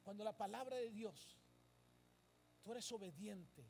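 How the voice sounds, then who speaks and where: A man's voice: sits high, lively intonation, measured pace, vocal fry, darkish tone, slight background noise. A male pastor preaching a sermon to his congregation, emphatic, asking them questions and repeating phrases. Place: church service.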